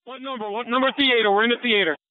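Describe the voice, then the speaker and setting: A police officer reporting in short, tense bursts over a police radio, repeating key details. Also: male voice, very high-pitched, fairly even intonation, rapid-fire. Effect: heard over a police radio. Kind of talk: radio call during an emergency. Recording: thin phone-like police radio transmission.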